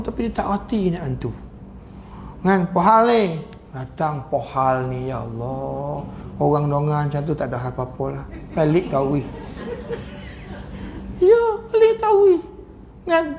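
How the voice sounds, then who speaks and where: A man with a Malaysian accent giving a lively mosque lecture as a religious teacher, joking and acting out voices. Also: fairly high pitch, vocal fry, a little hiss or hum. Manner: animated, jokey, acts out voices.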